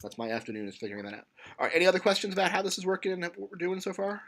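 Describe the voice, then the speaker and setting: A man's voice: high voice, rapid-fire. A man teaching a computer science class, talking casually with many fillers and restarts as he thinks aloud. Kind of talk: lecture.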